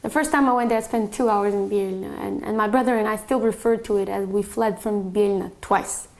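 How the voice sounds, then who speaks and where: A young woman from Bosnia giving a reflective personal testimony, soft-spoken and full of small fillers. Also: medium pitch, fairly even intonation, fast talker, low-quality recording. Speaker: interviewee.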